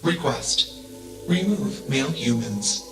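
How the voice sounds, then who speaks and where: A man voicing an emotionless, coldly logical machine intelligence in a video game, speaking in flat, clipped statements that each begin with a label. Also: mid-range voice, slow. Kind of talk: video game cutscene voice acting. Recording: echoey game audio over music.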